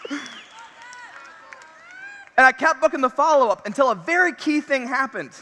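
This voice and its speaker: High, bright-voiced man pumping up a hall. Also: moderate pace, a faint crowd, a little hiss or hum. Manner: energetic, punchy, repeats key phrases, laughs between points. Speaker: convention speaker. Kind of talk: motivational stage talk. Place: large convention hall. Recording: reverberant convention hall.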